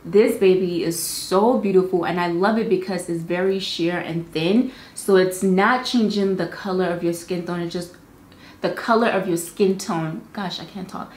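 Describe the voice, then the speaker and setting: A woman's voice: lowish voice, darkish tone. A young woman beauty vlogger chatting casually to camera about products in her home studio. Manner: bubbly, chatty, fast asides. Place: home filming studio, indoors. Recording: roomy studio with faint ambience.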